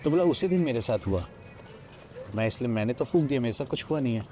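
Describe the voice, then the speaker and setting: A man from Odisha recounts his own ghost story as a podcast guest, acting out the other people's lines as he goes. His voice is mellow and mid-pitched. A faint outdoor hum sits behind him. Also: lively intonation, fast. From Odisha, India. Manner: narrates with many quoted lines of dialogue, frequent restarts. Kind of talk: retelling a personal ghost story. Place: outdoors at a riverside ghat.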